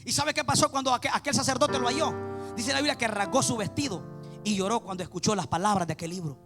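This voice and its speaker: A man's voice: very high-pitched, fast talker, music in the background. A man preaching a fervent sermon in Spanish, repeating phrases and calling out to his beloved brothers. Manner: fervent, repetitive, addresses listeners as beloved brother.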